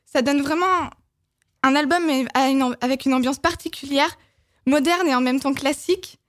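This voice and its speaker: A woman's voice: high voice, moderate pace, a bit bright. A woman reviewing illustrated children's books on the radio, enthusiastic, with small hesitations. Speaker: book reviewer. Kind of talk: casual radio book review.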